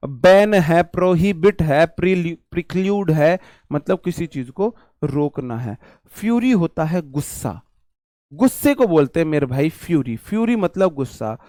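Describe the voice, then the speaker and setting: Brisk Hindi-speaking teacher, dry close sound. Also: male voice, fairly high pitch, expressive, a little mellow, no echo. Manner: explains with repetition and memory tricks, addresses viewers as brother. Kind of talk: online vocabulary class.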